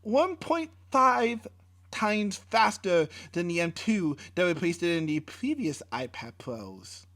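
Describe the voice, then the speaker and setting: A man's voice: high voice, sing-song, takes it slowly, fairly bright tone. A man co-hosting a casual tech podcast, reading specs with many fillers and restarts in a laid-back way. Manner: laid-back, swears mildly. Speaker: podcast co-host. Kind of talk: casual chat.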